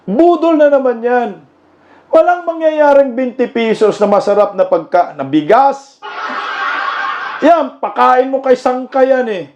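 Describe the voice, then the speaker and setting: A man giving casual political commentary, mocking and laughing often, now and then bursting into shouts. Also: very high-pitched, expressive, unhurried. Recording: dull lo-fi with clear background noise.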